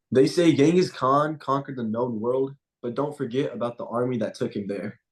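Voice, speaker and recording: Via video call, a young student poet with Punjabi as his first language recites a spoken-word poem in steady rhythm and then chats casually. His pitch is medium, and the recording is rough.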